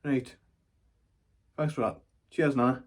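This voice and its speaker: A man's voice: medium pitch, fairly even intonation, slow, a little mellow. Wry man. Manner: wry, dry storytelling. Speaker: actor. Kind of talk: theatrical monologue.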